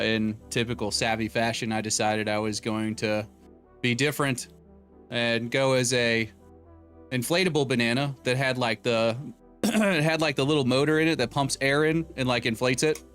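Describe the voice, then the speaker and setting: A young adult man's fairly bright, mid-range voice carries a casual live stream from a home room desk mic. He's the host, trading jokes and calling out viewer names and donations over faint background music.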